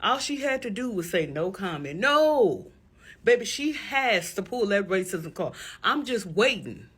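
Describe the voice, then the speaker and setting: A woman's voice: a little high, expressive, moderate pace, fairly bright tone, breathy edge. A woman commenting in a casual reaction video, emphatic and preachy, calling viewers baby.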